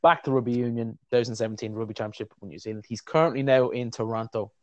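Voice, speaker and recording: Guy on a podcast call, animated, chatty, dry close sound. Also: medium pitch, quick pace, no echo, lo-fi sound. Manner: animated, puts on voices when telling stories. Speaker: podcast co-host. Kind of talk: casual chat.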